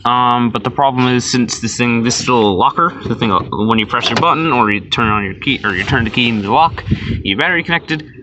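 A man's voice: mid-range voice, fairly quick. A young man in a casual repair vlog, swearing freely and making sarcastic, rambling asides while he works on a car door. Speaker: vlogger. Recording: dull lo-fi with loud background noise.

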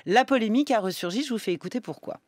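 A radio host interviewing a comedian, asking lively, probing questions. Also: medium pitch, racing, background noise.

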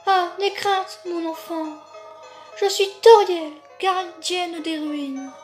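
A man voicing a gentle, motherly guardian woman in a soft, soothing tone. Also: very high voice, fairly even intonation, slow, soft background music, pitched above the performer's own voice.

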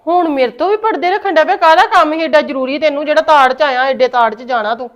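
A woman's voice: high voice, quick pace, muffled recording, lightly acted. An actress playing a middle-aged mother-in-law who coaxes, pries and scolds. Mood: scolding. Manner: coaxing, prying, scolding. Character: fussing, caring mother-in-law. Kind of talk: family drama acting.

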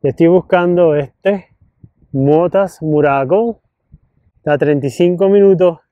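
A man with a slightly high voice narrates his travel vlog at a measured pace, chatting casually into a handheld camera as he walks, mostly outdoors on mountain hiking trails. There's no echo, though the outdoor handheld recording comes across dull and noisy.

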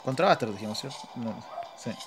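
This Chilean Spanish-accented video creator talks fairly quickly at a medium pitch, his intonation lively. He offers loose, slang-heavy play-by-play while gaming, half talking to himself, with mobile battle music running behind him.

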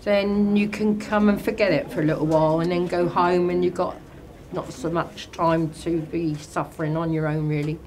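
Older woman, lowish voice. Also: steady tone, moderate pace, hardly any pauses, darkish tone. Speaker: bingo customer. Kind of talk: casual interview.

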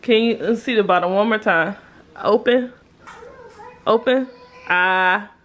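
A woman's voice: medium pitch, takes it slowly, dull audio, background noise. An American woman in her thirties chatting casually as a mom vlogging at home on a camera microphone. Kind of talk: casual home vlog chat. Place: indoors at home, rooms and kitchen. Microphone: handheld or nearby camera microphone.

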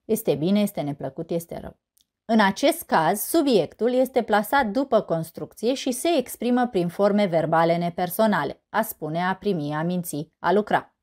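Romanian woman teacher, mid pitch, careful scripted lesson read with steady clarity. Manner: clear, measured, asks and answers her own questions. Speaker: teacher presenting a grammar lesson.

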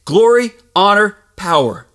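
A man preaching a fervent sermon, reading scripture aloud and rising to shouts as he rebukes his listeners. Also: sits high, sing-song, a little slow.

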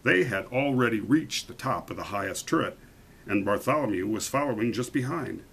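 Man reading a storybook aloud, animated. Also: mid-range voice, vocal fry, husky, rough recording. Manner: animated, pauses to point out pictures. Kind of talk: reading a picture book aloud.

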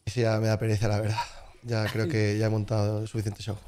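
A man trades jokes and mock threats with a friend while streaming a game. His voice is dark and mellow, delivered at an easy pace. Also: lowish voice, monotone, a little fast, slight background noise. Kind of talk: gaming stream banter.

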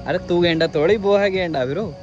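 This young Indian man has a high voice and talks a little quickly as he vlogs casually outdoors, ribbing his friend while moving around a hillside restaurant and park. His handheld phone captures muffled sound with music and clear background noise behind him.

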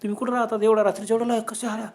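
A man's voice: high voice, flat delivery, rapid-fire, a little mellow. A man voicing a frightened adult rickshaw driver who pleads and cries out in panic. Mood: puzzled.

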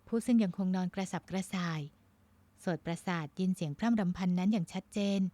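A woman from Thailand narrating a romance novel in a measured, even storytelling voice. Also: medium pitch, no room sound. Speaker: audiobook narrator.

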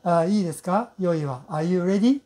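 A woman teaching English pronunciation in Japanese, speaking slowly and patiently with many fillers and drawn-out model sounds. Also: fairly low pitch, expressive, mellow. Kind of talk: recorded pronunciation lesson.

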